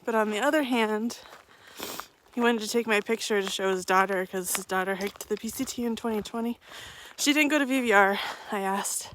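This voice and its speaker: A woman's voice: medium pitch, fairly quick, fairly bright tone, a little hiss or hum. A young woman talking to her camera while hiking outdoors, rambling and emotional, laughing now and then. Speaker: thru-hiker vlogger. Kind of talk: casual vlog monologue. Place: outdoors on a trail. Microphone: handheld camera while walking.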